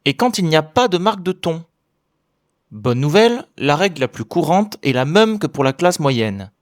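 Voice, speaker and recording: Upbeat man giving a clear lesson. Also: fairly high pitch, sing-song, moderate pace, no echo, studio quality. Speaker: language teacher. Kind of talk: scripted explainer lesson.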